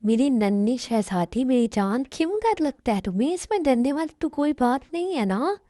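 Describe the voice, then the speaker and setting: A possessive young mafia boss, voiced by a woman, who switches from short-fused scolding to doting pet names. The voice sits a little high and sounds mellow and soft-edged. It is recorded close and dry, with no room sound. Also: big pitch swings, normal speed, no echo. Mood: tender. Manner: scolding then sweet-talking, calls her "my darling". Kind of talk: Hindi fan-dub romance drama.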